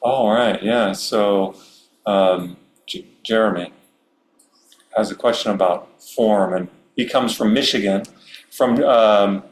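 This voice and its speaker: Middle-aged man giving an easygoing Zen talk. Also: fairly low pitch. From Maryland, USA. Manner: warm, unhurried, chuckles often, many fillers. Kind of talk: relaxed Dharma talk with audience Q&A. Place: meditation hall. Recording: roomy hall with faint hum.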